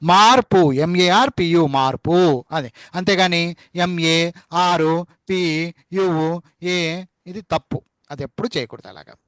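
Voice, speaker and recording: Guy teaching an online class, highish voice, dry close sound, says syllables over and over. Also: a bit bright, no echo. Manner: repeats syllables slowly to drill spelling; calls students amma and nanna fondly. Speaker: spoken English teacher.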